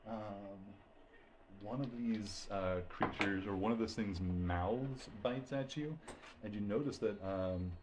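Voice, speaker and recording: A man narrating as game master, relaxed and rambling, with lots of fillers. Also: lowish voice, takes it slowly, noisy background.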